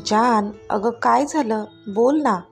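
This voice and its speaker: A woman voicing a doting, teasing young husband in a storybook tale, speaking slowly and coaxingly. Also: on the high side, vocal fry, soft background music. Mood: pleading. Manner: slow, coaxing and playful.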